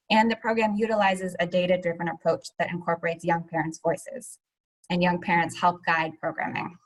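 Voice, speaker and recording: A woman presenting a public health program on a video call, measured and explanatory. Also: fairly low pitch, rough recording. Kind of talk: webinar presentation. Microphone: laptop mic on video call.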